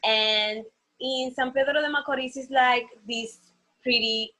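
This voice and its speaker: A woman's voice: sits high, steady tone, measured pace, bright, forceful tone. A woman from the Dominican Republic speaking English with a Dominican Spanish accent, chatting casually as an interview guest over a video call, leaning on "you know" and "like.". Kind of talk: casual chat. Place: San Pedro de Macorís.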